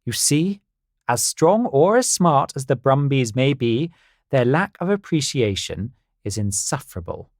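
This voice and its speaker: A man's voice: mid-range voice, very animated, measured pace, no room sound. A man giving a wry, dry first-person storybook narration.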